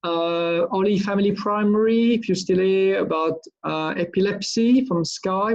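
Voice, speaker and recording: Over a video call with dull, lo-fi sound, a middle-aged man from France, a brain engineer, explains answers to pupils in a live online Q&A. He frequently restarts and repeats phrases, and his voice sits on the high side with a darkish tone.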